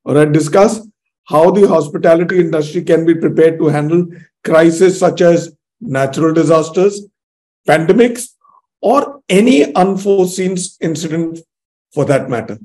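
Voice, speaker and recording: A man's voice: on the high side, normal speed, a little mellow. A man with an Indian English accent hosting a panel discussion, emphatic and repetitive, with words of Hindi mixed in. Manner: emphatic, repeats himself, switches into Hindi. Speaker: host and moderator.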